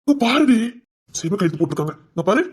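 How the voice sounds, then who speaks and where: A man's voice: high-pitched, quick pace. A man with a Tirunelveli Tamil accent playing a remorseful young husband who tenderly coaxes his pregnant wife in a domestic drama. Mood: proud. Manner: tender, pleading, coaxing. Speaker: actor in a web series. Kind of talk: emotional domestic drama acting.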